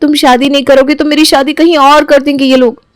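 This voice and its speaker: A woman plays a worried young woman in a cartoon drama, pleading in a raised, high voice. The sound is dry and close. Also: flat delivery, a little fast, no echo, natural voice. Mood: anxious. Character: anxious young woman pressed to marry.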